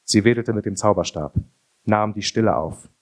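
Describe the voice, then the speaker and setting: A male audiobook narrator with a low, somewhat husky voice. He reads calmly and with expression, giving the scripted narration a steady flow. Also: normal speed.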